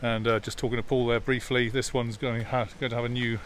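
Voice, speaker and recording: An Englishman who vlogs about classic cars strolls through an outdoor car park, talking about the vehicles in a relaxed, hesitant way full of ums and uhs. His voice sits at an ordinary middle pitch. The phone recording clearly picks up a jet washer and other outdoor noise behind him.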